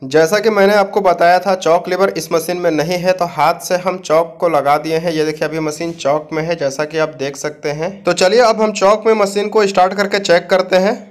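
Male repair host, high voice, plain step-by-step tutorial talk. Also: fairly even intonation, moderate pace, few pauses. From India. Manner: plain instructive talk, addresses viewers directly.

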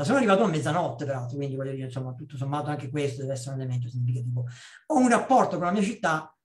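A man in his fifties from Naples, a public speaking trainer giving a chatty webinar talk with personal stories, often checking in with a quick "ok?". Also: fairly high pitch, roomy sound. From Naples, Italy. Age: 50s. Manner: lively, conversational, checks in with "ok?" and tosses in blunt asides. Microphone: video call.

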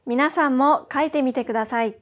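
A woman teaching a scripted beginner language lesson, drilling single syllables with slow, careful enunciation. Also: high voice, fairly bright tone.

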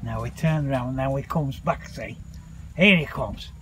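A man's voice: medium pitch, unhurried, a bit bright, husky. A man talking casually in a home vlog outdoors by a pool, chatting to the camera and calling out to his dogs. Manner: chatty, swears mildly, calls out to dogs. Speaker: vlogger.

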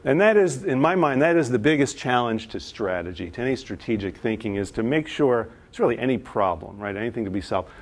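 A man presenting to an audience of executives. He tells stories in a conversational way and asks the room questions. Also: mid-range voice. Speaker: presenter and facilitator. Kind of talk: live business presentation.

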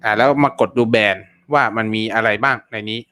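Brief: man, live-stream teacher, bright forceful voice, chatty and repetitive with polite fillers. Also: mid-range voice, fairly even intonation, a little fast, dry recording. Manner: chatty, repeats words and fillers, polite particles. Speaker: online seller teaching keyword research. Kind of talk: casual live-stream lesson.

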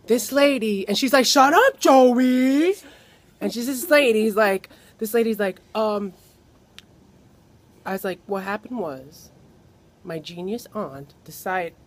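A young man telling a family story in a casual vlog to his phone camera. He is animated, mimics the people he quotes and drops Spanish words into his talk. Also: high-pitched, a little slow.

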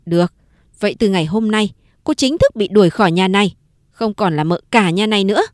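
A woman's voice: medium pitch, fairly quick, no echo, clean studio sound, close to an everyday voice. A woman narrator voicing a domineering old mother-in-law who gives curt orders. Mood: commanding. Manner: curt and commanding.

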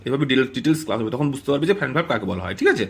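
A man's voice: mid-range voice, sing-song, very fast. A man teaching English grammar in a video lesson, often checking in with viewers and spelling words letter by letter. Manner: repeats "ঠিক আছে" and addresses viewers as friends.

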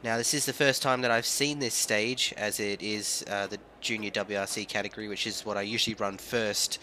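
A young man from England, husky and nasal from a cold, chatting casually as he plays and commentates a rally game. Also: on the low side, steady tone, brisk, slight background noise. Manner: chatty, bursts into loud exclamations. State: has a cold. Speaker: gaming video host.

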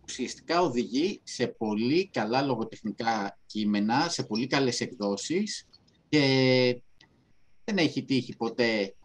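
A woman from the publishing house chatting about their books, animated and conversational. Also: extremely low pitch. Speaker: publisher host. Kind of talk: casual talk.

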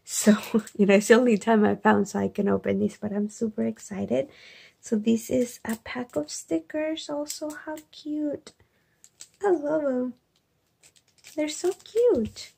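A woman quietly gushing as she unboxes craft supplies in a late-night video, keeping her voice hushed with bursts of excitement. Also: on the high side, unhurried, creaky, breathy edge. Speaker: craft vlogger. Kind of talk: soft-spoken unboxing chat. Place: home at night.

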